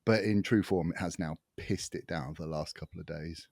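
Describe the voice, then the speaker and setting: Deep-voiced, dry-sounding man joking. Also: a little fast, vocal fry, darkish tone, dry recording. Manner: swears freely, laughs at his own jokes, mimics others in quotes. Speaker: podcast co-host. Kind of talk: casual chat. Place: home in the far north of Scotland.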